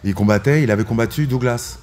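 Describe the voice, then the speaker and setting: A man's voice: mid-range voice, fast talker, darkish tone. A man chatting in an interview as a fighter and organiser, in short emphatic phrases with repeats and some English words. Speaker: MMA fighter and seminar organiser. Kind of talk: casual interview, anecdotes.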